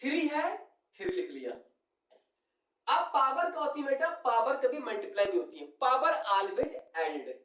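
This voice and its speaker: A man's voice: very high-pitched, sing-song, moderate pace, fairly bright tone. A male chemistry teacher giving a classroom lecture, calling his students "beta" and checking often that they follow. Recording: roomy, distant, dull lo-fi sound.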